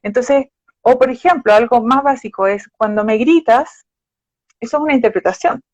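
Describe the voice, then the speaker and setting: The woman's slightly high, darkish voice moves at a fairly quick clip. As a psychologist guest in a live chat, she explains patiently and gives examples using quoted phrases, heard through dull, dry live-stream audio with no room sound.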